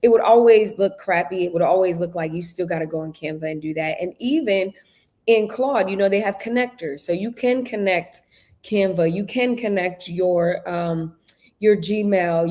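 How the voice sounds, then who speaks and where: A woman's voice: fairly low pitch, a little mellow. A woman guest in a casual live chat, chatty, often restarting her sentences. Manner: chatty, trailing restarts, exclaims oh my God.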